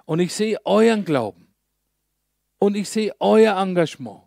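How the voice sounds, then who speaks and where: Earnest healer praising some friends, a preacher speaking the part, slow and weighty, dry close sound. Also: male voice, sits high, lively intonation, creaky, a little mellow, dry recording, full character voice. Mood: moved. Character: warm, impressed healer speaking to faithful friends.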